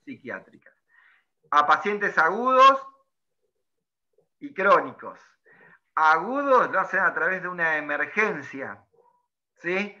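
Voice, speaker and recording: A man's voice: high-pitched, expressive, slow, long pauses, bright, forceful tone. A man teaching a recorded class, explaining step by step and often checking in with his students. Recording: dull lo-fi recording.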